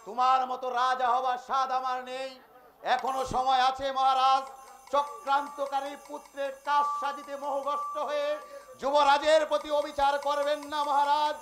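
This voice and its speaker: A man's voice: extremely high pitch, completely flat delivery, normal speed, a bit bright, soft background music. A man playing an earnest, defiant young patriot in Bengali folk theatre, declaiming formally and passionately with a Bengali accent. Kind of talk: historical Bengali jatra folk theatre acting.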